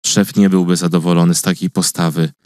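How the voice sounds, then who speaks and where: A man's voice: low voice, level tone, fairly quick, darkish tone, no room sound. A man narrating a novel in the first person in a tense, controlled way, recorded in a radio studio. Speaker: audiobook narrator.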